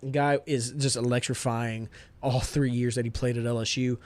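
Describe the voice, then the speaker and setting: A man's voice: mid-range voice, level tone, moderate pace, a little mellow. Upbeat man making confident sports picks. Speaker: podcast co-host. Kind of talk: casual sports podcast chat.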